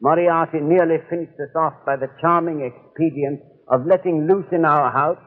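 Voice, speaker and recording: A thin, boxy vintage radio recording with long reverb carries a genial older doctor , acted by a man. His voice sits a little high. He rambles in an avuncular way, as if reminiscing by the fire for radio listeners. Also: fairly even intonation, moderate pace, close to an everyday voice. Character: genial, chatty old English doctor reminiscing about detective adventures. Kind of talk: 1930s radio storytelling and sponsor patter. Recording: tinny, hollow 1930s radio recording.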